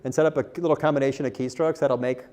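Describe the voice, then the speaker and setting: A content marketer speaking at a conference talks in an informal, candid, self-deprecating way, putting questions to his audience. His medium-pitched voice is a little mellow, with fairly even intonation and a fast pace.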